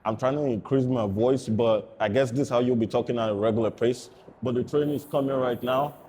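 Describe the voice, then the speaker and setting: A man reviewing gear in a steady, explanatory way, his voice heard through a wireless mic's noise cancellation with processing artifacts. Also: mid-range voice, brisk, husky. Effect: noise-cancelled through a wireless mic, with processing artifacts. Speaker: product reviewer. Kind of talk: casual tech review walkthrough.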